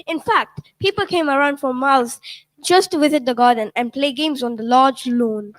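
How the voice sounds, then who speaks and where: A woman narrating part of a children's story in a steady, clear way. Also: sits high, moderate pace, no room sound.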